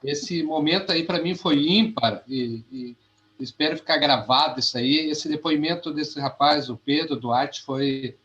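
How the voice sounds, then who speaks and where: Guy stumbling over his words, heartfelt thanks on a video call, fairly high voice, muffled. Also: fairly bright tone. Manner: halting, repeats words, heartfelt. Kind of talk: emotional testimony.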